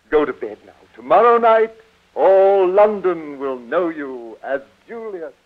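A man's voice: on the high side, expressive, takes it slowly, soft background music. An actor playing an effusive, proud older father in an old radio drama, who speaks fondly to his daughter. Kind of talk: 1940s radio acting. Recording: tinny old radio recording.

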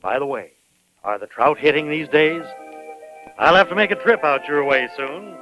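An actor playing a genial, formal American president in 1940s radio acting. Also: male voice, on the high side, moderate pace, dull audio, over music, natural voice. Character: genial male US president, fatherly.

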